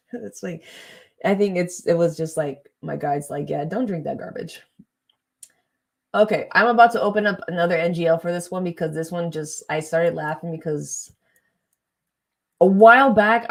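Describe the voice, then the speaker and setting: A young adult woman chatting casually and rambling on her live stream, often trailing off and breaking into laughter. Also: lowish voice. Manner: chatty, rambling, quick swings into laughter and exasperation.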